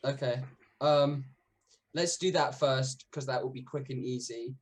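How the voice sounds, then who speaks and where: A man casually narrating a tabletop game as game master, with a halting, word-repeating delivery. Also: mid-range voice, steady tone. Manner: halting, repeats words as they start.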